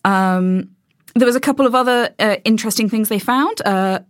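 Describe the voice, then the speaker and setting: A woman's voice: fairly high pitch, normal speed, dry recording, studio quality. Chatty woman explaining space science. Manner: chatty, many ums and restarts. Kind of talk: casual explanatory chat.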